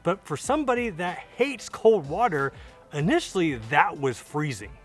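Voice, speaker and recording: Higher-voiced American man over music. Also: sing-song, moderate pace. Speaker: vlogger. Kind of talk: casual personal storytelling to camera.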